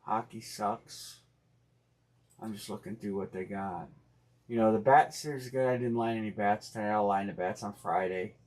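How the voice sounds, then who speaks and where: Low-voiced man rambling on a live stream. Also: moderate pace, darkish tone. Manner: rambling, thinking aloud with many fillers and restarts; plainspoken and blunt, uses slang. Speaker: host of a live sports card break stream. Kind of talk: casual live-stream chat.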